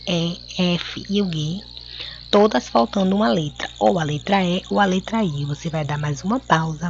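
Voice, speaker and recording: A Brazilian woman teacher with a fairly low voice speaks slowly and clearly, stretching out words for young pupils. The recording is dull and lo-fi, with faint crickets somewhere behind her. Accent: Brazilian Portuguese. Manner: slow, clear, spelling words out for children. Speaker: schoolteacher. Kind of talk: recorded classroom lesson.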